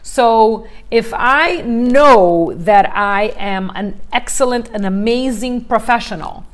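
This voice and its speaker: A woman's voice: on the high side, slow pace. A middle-aged woman leading a motivational workshop in a conversational way, asking rhetorical questions and acting out examples. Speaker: coach.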